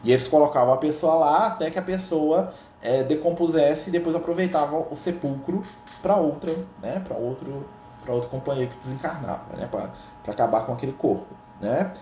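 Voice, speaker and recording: A man's voice: on the high side, a little fast, dark tone, a little hiss or hum. A man with a Brazilian Portuguese accent leading a gospel study in a conversational way, often ending his phrases with tag questions. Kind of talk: informal spiritual teaching. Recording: roomy echo.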